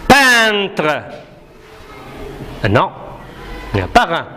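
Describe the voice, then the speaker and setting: Woman, schoolteacher, bright, lively, unhurried delivery, drills sounds patiently in a classroom lesson, faint room ambience. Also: on the low side, slight background noise. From Morocco. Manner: patient, drilling syllables and correcting pupils. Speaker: primary school teacher.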